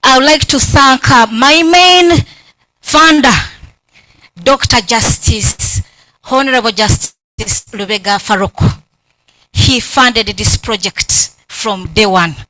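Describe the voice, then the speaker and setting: Speaking slowly in a voice on the high side, a Ugandan woman with a Ugandan English accent offers emotional acknowledgements at her thesis defense in a university hall. The PhD candidate animatedly acts out remembered exchanges with quoted dialogue, full of gratitude. There's no echo, but the audio is poor.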